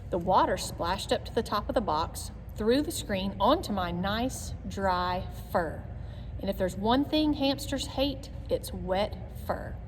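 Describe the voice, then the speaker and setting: A woman reads a children's storybook aloud, narrating expressively in a mid-pitched voice and clear phrases. Long reverb and some background noise sit behind her.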